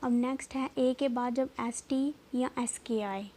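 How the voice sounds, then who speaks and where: A woman teaching a basic lesson, slowing down to spell out letters and often checking in with "okay". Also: sits high, fairly even intonation, dark tone. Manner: repeats "theek hai" often, slow and drawn-out when spelling letters. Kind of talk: classroom lesson.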